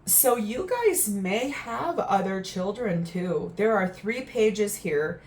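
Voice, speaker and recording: A woman giving a tarot reading in a gentle, earnest, reflective way, with frequent fillers. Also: mid-range voice, lively intonation, slow. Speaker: tarot reader.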